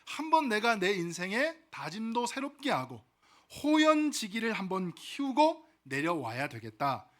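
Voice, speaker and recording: A middle-aged male pastor tells a sermon story with dramatic energy. His voice is high and lively, rising and falling widely as he builds the scene.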